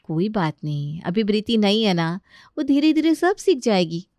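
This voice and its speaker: A woman's voice: medium pitch, very animated, moderate pace, darkish tone, no room sound, studio quality, close to an everyday voice. A woman voicing a scheming young daughter-in-law in a cartoon story who speaks sweetly and laughs slyly. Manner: sly laughter, sugary politeness.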